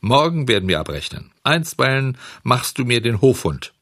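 A man's voice: medium pitch, big pitch swings, normal speed, a bit bright, no echo, pitched above the performer's own voice. A stern, angry farmer from a storybook, scolding harshly and threatening punishment, as a man reads him. The voice sits a little raised and sounds dry and close-miked.

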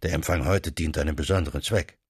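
A man reading a literary story aloud, with measured storytelling and softly voiced dialogue. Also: very deep voice, slightly rough, no room sound, studio quality. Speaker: narrator.

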